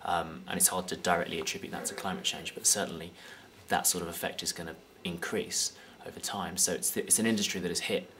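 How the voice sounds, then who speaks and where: Low, gravelly young Englishman. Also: fairly even intonation, brisk, hardly any pauses, noisy background. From United Kingdom. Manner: hesitant, many fillers and restarts. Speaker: guest. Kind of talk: casual interview answers.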